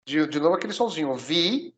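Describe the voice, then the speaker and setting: A man from Brazil teaching a one-on-one English lesson, coaching his student and spelling words out slowly. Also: a little high, expressive, slight background noise, low-quality recording.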